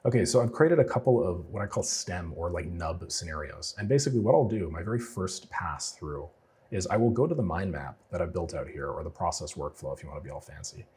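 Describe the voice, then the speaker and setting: Low and very husky from a cold he's getting over, this male host gives a quick, casual screen-share walkthrough. He's an automation freelancer teaching a client build, expressive and darkish in tone, explaining loosely with lots of fillers.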